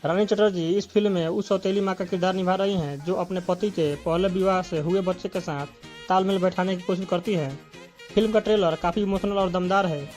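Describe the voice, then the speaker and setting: A man's voice: high-pitched, fairly even intonation, a little fast, a little mellow, soft background music. A man narrating a scripted entertainment news voice-over, reading steadily from a prepared script.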